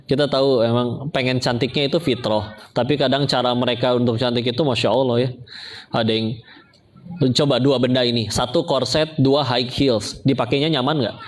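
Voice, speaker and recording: A man's voice: mid-range voice, fairly even intonation, normal speed. Middle-aged male preacher, casual storytelling sermon, jokes and voices the people in his anecdotes. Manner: humorous, acts out characters in quoted dialogue.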